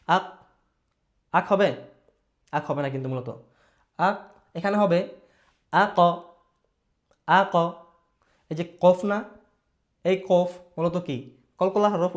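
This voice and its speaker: A man's voice: high-pitched, a little mellow. A man teaching Quran letter pronunciation. He repeats sounds over and over, asks the learner questions and mixes in English words. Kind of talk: online Quran recitation lesson.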